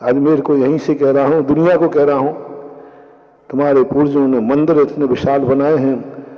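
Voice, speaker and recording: A man's voice: medium pitch, level tone, moderate pace, in a large hall, muffled recording. A man, a Jain monk, preaching a sermon emphatically with repeated rhetorical questions.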